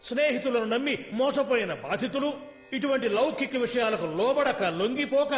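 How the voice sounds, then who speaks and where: A man's voice: very high voice, fairly bright tone. An actor playing a pompous fake holy man who preaches in a grandiose, archaic tone. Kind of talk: film dialogue. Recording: echoey room with long reverb, music behind.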